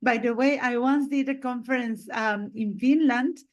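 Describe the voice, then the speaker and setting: A woman's voice: on the high side, normal speed, lo-fi sound. Enthusiastic woman podcast host. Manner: enthusiastic, repeats "this is amazing". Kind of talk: video-call interview.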